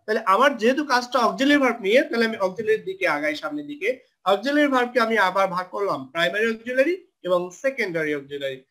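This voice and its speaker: A man's voice: sits high, big pitch swings, very fast, pushed and bright. A man teaching a live online English grammar class, explaining step by step, spelling out words and mixing English terms into his Bangla.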